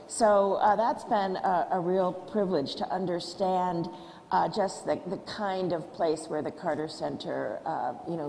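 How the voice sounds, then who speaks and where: A woman speaking on a panel in a measured, reflective way about her organization. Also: on the low side, vocal fry, a little mellow, a little hiss or hum. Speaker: panelist, nonprofit leader. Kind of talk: panel discussion. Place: lecture hall. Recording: reverberant hall, faint ambience.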